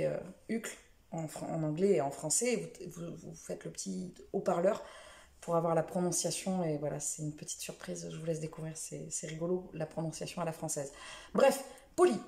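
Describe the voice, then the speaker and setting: This woman's voice sits on the low side, dark-toned with vocal fry, in a reverberant space. As a book vlogger, she talks loosely through this week's reads, wandering a little and correcting herself amid plenty of fillers.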